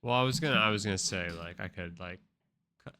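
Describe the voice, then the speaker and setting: Tired, low-voiced male podcast co-host. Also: fast talker, bright, forceful tone. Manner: joking, trails off and restarts often. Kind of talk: casual chat.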